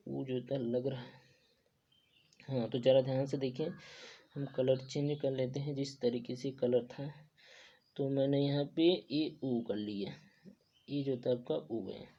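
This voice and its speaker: A young man teaching an exam-prep lesson, talking through a whiteboard and stuffing almost every phrase with habitual fillers. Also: mid-range voice. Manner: filler-heavy, repeats "jo tha" and "jo hota hai". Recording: dull lo-fi sound.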